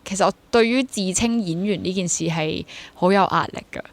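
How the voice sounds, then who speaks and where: A Hong Kong woman in her twenties, a freelance stage actor, speaks as an interview guest in a conversational way, sharing personal experience. Her voice sits on the low side at a normal pace, and she slips English words into her Cantonese.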